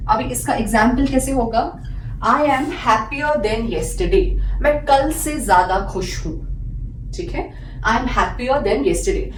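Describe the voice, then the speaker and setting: Fairly high in pitch with slight background noise, a woman patiently teaches a classroom-style grammar lesson, answering questions she poses herself and repeating examples. The mic is placed at a distance in an echoey room, and faint music can be heard.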